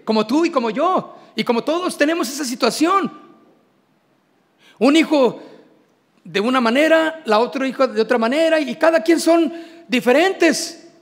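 A middle-aged man, preaching an animated sermon as pastor to his congregation. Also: very high voice. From Mexico. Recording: long hall reverb.

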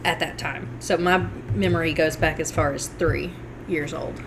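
A woman's voice: low-pitched, steady tone, normal speed, vocal fry. A woman in her forties, chatting reflectively at a dinner table. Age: 40s. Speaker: podcast host. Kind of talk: casual chat. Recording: noisy room.

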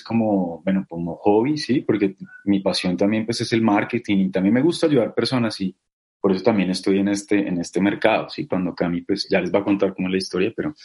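A man's voice: on the low side, darkish tone, breathy edge. A man with a Bogotá Colombian accent, speaking as an interview guest in a casual, hesitant way with many fillers. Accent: Bogotá Colombian Spanish. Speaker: guest, company co-founder.

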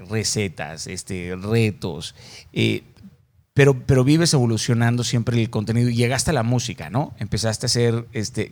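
A man with a Mexican accent hosting a casual interview. He asks long, meandering questions and uses plenty of colloquial slang. His voice has an ordinary, mid-range pitch. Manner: rambling questions with many fillers and restarts, slangy. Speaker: interviewer, host.

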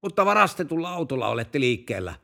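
A man's voice: mid-range voice, sing-song, vocal fry, bright, forceful tone, pitched above the performer's own voice, full character voice. A man voicing a cautious, puzzled male police chief in a told joke, who speaks hesitantly. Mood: wary.

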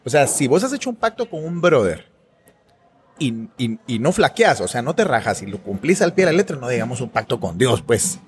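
Lively Guatemalan man telling a story. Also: medium pitch, a little fast, a little hiss or hum. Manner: animated, slangy, laughs often. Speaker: podcast guest, university professor. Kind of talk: casual storytelling conversation.

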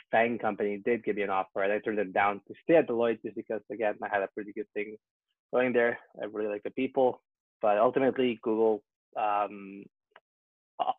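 A young software engineer, born in Peru and raised in Canada, talks casually and upbeat as an interview guest, dropping frequent ums. His voice is fairly low, and the recording is dry and tinny, like a phone line.

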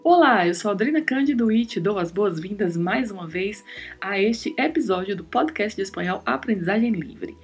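A woman's voice: mid-range voice, expressive, normal speed, soft background music. A woman hosting a podcast, teaching Spanish in a careful, scripted lesson and spelling out words and sounds. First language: Portuguese.

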